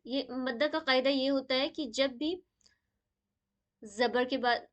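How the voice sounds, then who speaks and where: A woman's voice: high voice, steady tone. A woman teaching a live online tajweed class over a video call. She keeps checking in with "okay?" and mixes in English words.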